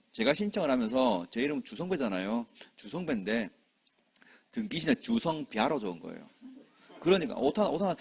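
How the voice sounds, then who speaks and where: A man's voice: fairly high pitch, slightly rough. A man teaching an exam-prep lecture, who keeps checking whether students follow and acts out short scenes with quoted voices. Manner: lively, rhetorical questions, checks understanding often.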